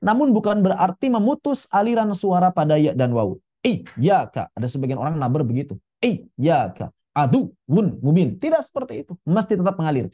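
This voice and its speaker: A man teaching a Quran recitation lesson, explaining letter sounds in a relaxed, chatty way and repeating each example slowly. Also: high voice. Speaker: tajwid teacher.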